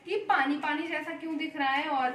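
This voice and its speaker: High-voiced chatty woman vlogger. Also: steady tone, a little fast, fairly bright tone, reverberant, a little hiss or hum, rough recording. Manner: chatty, meandering and homely. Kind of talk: casual chat to camera. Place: indoors at home.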